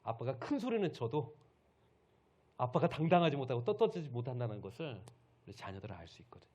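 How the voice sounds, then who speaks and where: A man's voice: mid-range voice, sing-song, fast, a little mellow. A male pastor preaching a Sunday sermon, retelling a story and putting questions to the congregation.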